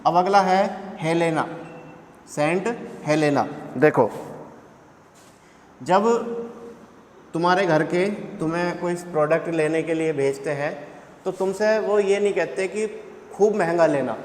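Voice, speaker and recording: Male coaching teacher, high-pitched, repetitive drilling, echoey room, faint noise. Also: a little slow, pauses often. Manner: repetitive, drilling rhymes and questions to students. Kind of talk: exam coaching lesson with memory tricks.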